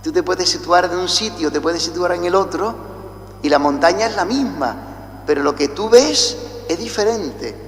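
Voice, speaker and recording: High-voiced Spanish priest in cathedral echo. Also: male voice, lively intonation, slight background noise. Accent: Spain Spanish. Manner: slow and deliberate, chanting the liturgical responses. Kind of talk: liturgical homily with chanted gospel. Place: large church. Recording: echoey church with long reverb.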